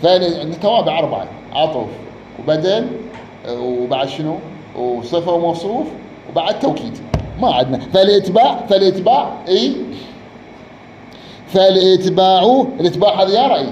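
A man with a slightly high, somewhat mellow voice teaches Arabic grammar at a quick pace with lively intonation, repeating words and quizzing his student in a question-and-answer format. The lo-fi recording has an echoey room and faint noise.

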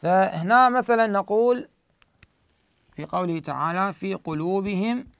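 A man with an Iraqi Arabic accent teaching tajweed, explaining the rules and slowly reciting verse examples. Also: high voice, vocal fry, clear, resonant tone, dry recording.

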